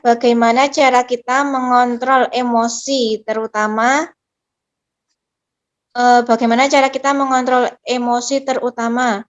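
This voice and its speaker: A woman reads a submitted question aloud slowly, her voice fairly high. She is polite and deferential toward the teacher. The hall around her echoes softly. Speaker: moderator reading audience questions.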